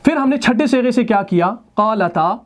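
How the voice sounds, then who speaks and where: A man teaching Arabic grammar at a board, patiently explaining and slowly reciting verb forms, calling his students brother. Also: extremely high pitch, lively intonation. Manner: patient, addresses students as brother, personifies letters.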